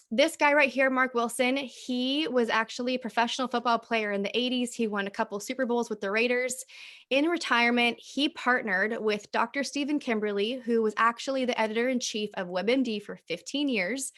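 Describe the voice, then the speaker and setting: Upbeat woman with a high voice. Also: a bit bright. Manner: upbeat, smiling while talking; chatty, uses filler "like" and "um". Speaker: network marketing presenter. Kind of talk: recruiting pitch talk.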